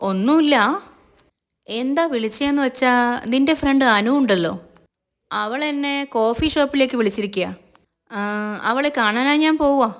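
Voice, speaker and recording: A woman's voice: high voice, voice pushed up, lightly acted. A woman voicing a young male office boss who talks earnestly and pleadingly to the woman he loves.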